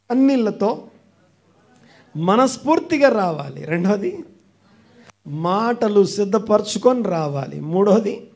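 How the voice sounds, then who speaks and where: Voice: medium pitch, darkish tone. A pastor preaching a sermon emphatically and calling on the congregation to repeat phrases back.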